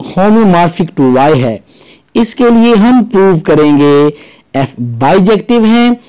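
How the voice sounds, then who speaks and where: A man with a Pakistani accent narrating a scripted maths lesson as a teacher, explaining deliberately step by step. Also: high voice, warm tone, clear, resonant tone, poor audio. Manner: deliberate step-by-step explaining, switching between English and Urdu.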